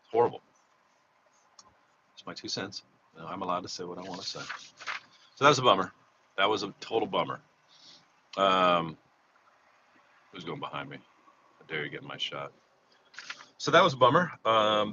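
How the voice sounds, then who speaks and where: A slot vlogger getting over a cold does a live monthly recap on a stream outdoors near a freeway, chatting casually, rambling, and restarting a lot. His voice is low-pitched, pushed and bright, on a slightly dull recording with faint freeway noise.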